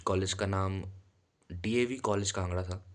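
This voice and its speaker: A man's voice: sits low, fairly even intonation, normal speed, clear, resonant tone. A young man from India telling a story in a chatty way, mixing English words into his speech. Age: young adult. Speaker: vlogger. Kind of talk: casual storytelling.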